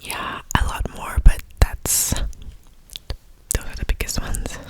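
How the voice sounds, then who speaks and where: A young woman whispering breathily into cupped hands in ASMR style, reflecting in a hesitant, personal way. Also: slow. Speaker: ASMR host. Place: alone in a room at home.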